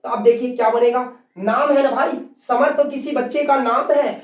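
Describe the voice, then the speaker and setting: A man's voice: very high voice, fairly even intonation, normal speed. A man teaching English grammar at a classroom board, spelling words out letter by letter and calling his students children. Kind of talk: classroom lesson on a whiteboard. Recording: distant, roomy and dull-sounding classroom recording.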